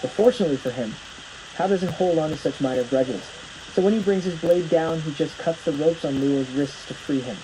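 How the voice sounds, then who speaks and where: A man's voice: fairly high pitch, a little fast, noisy background. A man narrating a plot recap from a script, telling the story as it unfolds.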